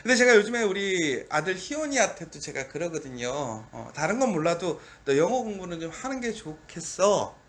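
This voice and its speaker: A man's voice: sits high, big pitch swings, brisk, hardly any pauses, fairly bright tone. A middle-aged man, a pastor, preaching at a dawn service in a conversational storytelling way, asking the listeners rhetorical questions.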